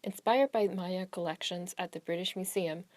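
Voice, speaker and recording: A woman reporter reading scripted narration in a measured, even news style. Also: lowish voice.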